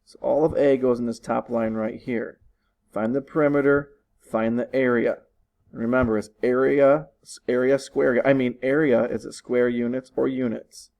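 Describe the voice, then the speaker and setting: A man's voice: mid-range voice, steady tone, moderate pace, vocal fry, darkish tone, low-quality recording. A man teaching his students from his living room, walking them through test questions patiently and repeating instructions. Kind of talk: recorded online lesson walkthrough.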